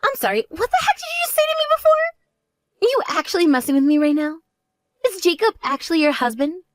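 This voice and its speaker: A woman's voice: high-pitched, animated, fast, no room sound, voice pushed up. A woman voicing a spoiled, vain younger sister who boasts and taunts indignantly in a voiced story. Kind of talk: voiced text story dialogue.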